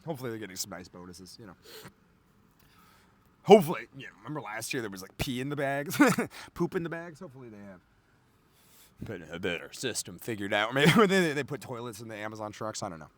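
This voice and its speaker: A man hosting a comedy podcast, rambling excitedly through a profane monologue full of sidetracks. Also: lowish voice, quick pace.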